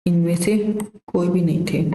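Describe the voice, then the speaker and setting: A woman teacher walks through revision questions in a low, flat voice. Her tone is mellow and unhurried, and she explains casually with memory tricks. The room gives her voice a noticeable echo. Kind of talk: exam revision lesson.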